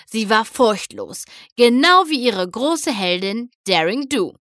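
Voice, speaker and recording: A woman reading a children's storybook aloud in an unhurried, expressive way. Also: on the high side, no echo, clean studio sound. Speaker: storybook reader.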